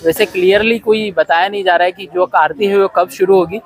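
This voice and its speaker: Indian man, travel vlogger, slightly high voice, rambling chatty delivery, outdoors, faint music behind. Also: steady tone, brisk. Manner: chatty, rambling, frequent fillers. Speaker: travel vlogger and yoga teacher. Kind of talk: casual travel vlog narration. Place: outdoors by a lakeside ghat.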